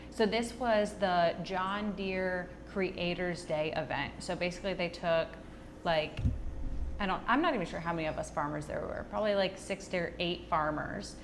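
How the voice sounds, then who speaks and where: A woman co-hosting a casual podcast, her voice sitting a little low. She is upbeat, tossing in short affirmations as she talks. Faint ambience hums under the track. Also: background noise. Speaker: podcast co-host. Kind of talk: casual chat.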